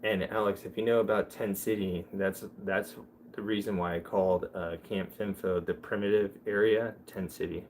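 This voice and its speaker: A man's voice: deep voice, fairly even intonation, normal speed, darkish tone, a little hiss or hum. A young man chatting casually on a livestream, telling rambling, joking stories. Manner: rambling storyteller, loose and joking. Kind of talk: casual live chat.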